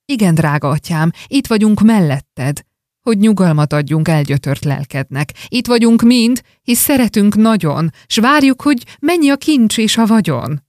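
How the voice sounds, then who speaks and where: A reader voicing a greedy youngest son in a rhymed story, speaking higher and louder with fawning eagerness. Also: lively intonation, dry recording, studio quality, natural voice.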